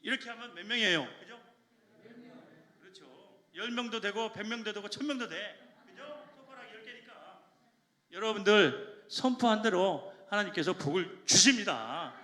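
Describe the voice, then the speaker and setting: A man, a church elder, leading a joking, energetic evangelism rally and shouting chants to a congregation in a large church. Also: sits high, moderate pace. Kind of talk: lively rally talk to a congregation. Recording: echoey church hall.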